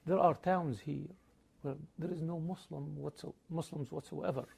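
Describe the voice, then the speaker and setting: A man hosting an interview, asking earnest, measured questions. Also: on the high side, steady tone, gravelly, darkish tone, breathy edge. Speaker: interviewer host.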